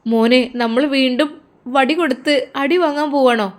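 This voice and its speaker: A woman's voice: sits high, normal speed, voice pushed up, close to an everyday voice. A woman with a Malappuram Malayalam accent voicing a worried mother who pleads with her son. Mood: anxious. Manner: anxious, pleading. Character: worried middle-aged mother.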